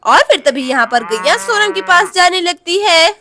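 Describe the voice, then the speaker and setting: A woman's voice: very high-pitched, animated, normal speed, noisy background. A woman narrating a doll story in a chatty voice-over, addressing viewers as friends.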